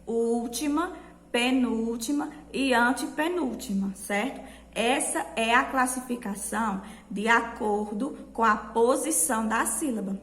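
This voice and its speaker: A woman's voice: a little high, fairly bright tone. A woman from Brazil teaching an online grammar lesson, explaining step by step and often checking in with her students. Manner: explanatory, frequent "certo?" checks. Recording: echoey room.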